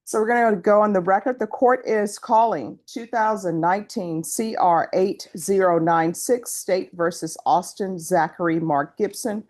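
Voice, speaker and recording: A woman's voice: mid-range voice, normal speed, few pauses, darkish tone. An American woman speaking as a judge in a courtroom, putting formal procedural questions.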